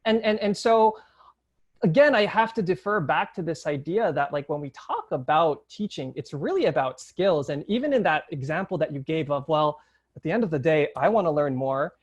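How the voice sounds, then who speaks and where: A man's voice: on the high side, lively intonation, normal speed, lo-fi sound. A male teacher guest making an earnest, reasoned point in an interview. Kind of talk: interview discussion.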